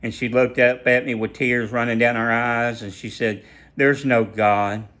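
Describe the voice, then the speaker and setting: A man's voice: medium pitch, flat delivery, normal speed, a bit bright. A man sharing a personal faith testimony in a casual storytelling way, earnest and prone to repeating and restarting his phrases.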